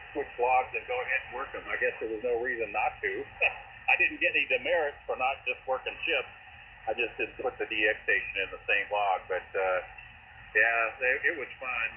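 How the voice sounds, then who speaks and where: A man chatting casually on an amateur radio net, heard over a shortwave radio with static, halting with lots of fillers and restarts as he reads out call signs. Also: lowish voice. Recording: tinny, static-filled radio receiver audio.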